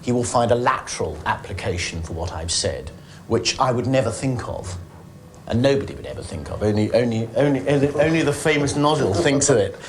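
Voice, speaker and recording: A man's voice: mid-range voice, sing-song, a little fast, slight background noise. A man in a documentary interview, talking about design work with enthusiasm and some restarts.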